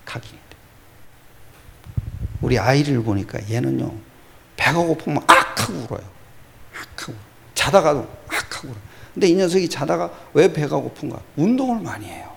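A man preaching a sermon as pastor, swinging from loud exclamations to hushed whispers and answering his own rhetorical questions. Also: on the high side, very animated, normal speed, creaky, long pauses.

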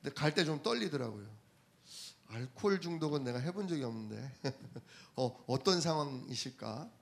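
A man's voice: mid-range voice, animated, moderate pace, gravelly. A man preaching a sermon, telling everyday stories and asking the congregation rhetorical questions. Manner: conversational storytelling from daily life.

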